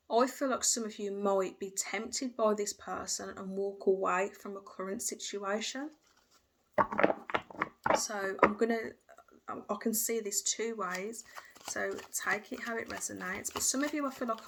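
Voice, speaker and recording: A woman giving a casual tarot reading, talking intuitively and hesitantly with restarts and "I feel" phrases. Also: mid-range voice. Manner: hesitant, hedging with frequent fillers and restarts. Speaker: tarot reader.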